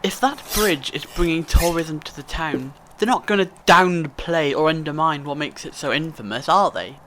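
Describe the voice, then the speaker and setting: A man's voice: a little high, normal speed, bright, forceful tone, slight background noise. A man playing a witty, reassuring alien time traveller in a fan audio drama, theatrical and wry. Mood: wry, logical. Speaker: amateur audio drama actor.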